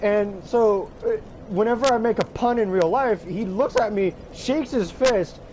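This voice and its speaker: A man casually telling an anecdote about his games, animated, swearing freely and breaking into laughter. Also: high voice, measured pace, very noisy. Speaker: gaming storyteller.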